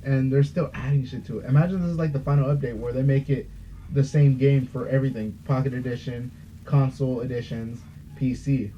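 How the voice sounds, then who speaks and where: A man's voice: medium pitch, fairly even intonation, fairly quick. A young man guesting on a podcast, chatting in an offhand, joking way with some swearing. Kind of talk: casual chat. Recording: muffled with faint hiss.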